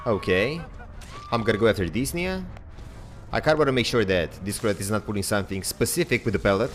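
A young man casually commentating his own gameplay, chatty and excitable, swearing now and then and talking to his viewers. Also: lowish voice, fast talker. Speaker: game streamer.

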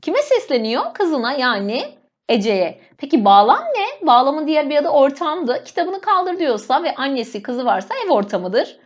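A woman's voice: sits high, sing-song, normal speed, dull audio. A woman teacher going step by step through an exam, explaining each answer to her students. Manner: explains step by step, often addresses students as "friends". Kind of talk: exam walkthrough lesson.

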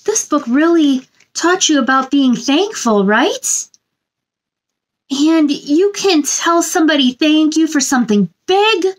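A woman in her thirties, her voice high and expressive, speaks slowly while hosting a children's story time. She reads a picture book aloud and chats simply with young viewers from a small indoor room.

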